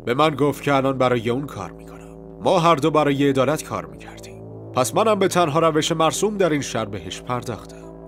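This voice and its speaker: A man voicing a weary, hard-boiled male private detective who tells his story in a low, brooding way. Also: expressive, a bit bright, soft background music, close to an everyday voice. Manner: low, brooding first-person telling.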